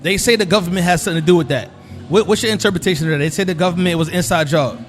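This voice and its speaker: A man's voice: high voice, racing, soft background music. Laid-back New York host man. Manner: laid-back, affirming with short backchannels. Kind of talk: casual interview.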